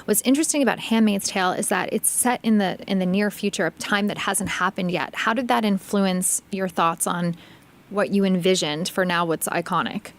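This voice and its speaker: A woman's voice: medium pitch, normal speed. Woman with a Jersey accent hosting an interview. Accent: New Jersey. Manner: brief encouraging interjections and questions. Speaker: interviewer, host. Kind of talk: casual interview.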